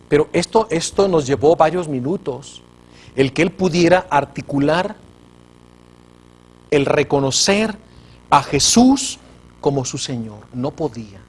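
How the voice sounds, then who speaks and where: A man with a Mexican Spanish accent, a preacher hosting a religious TV show, telling a testimony with fervor and swinging between loud and hushed. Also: fairly high pitch, animated, a little slow, pauses often, slightly rough. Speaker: preacher and TV host.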